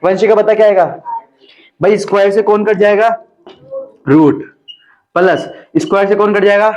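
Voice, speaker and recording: A man's voice: sits high, steady tone, normal speed, a little mellow. A young man teaching a maths class and joking with his students. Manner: teasing and chatty with students. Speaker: maths tutor. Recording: dull lo-fi classroom audio.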